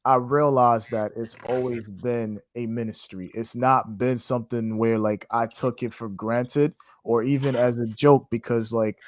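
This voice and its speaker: A Haitian man who teaches trading answers an interview question with fervent, preacher-like passion and faith-filled phrasing, yet keeps it casual with "man" and "you know what I'm saying." His voice sits in the mid range with a steady tone, and he speaks unhurriedly, barely pausing.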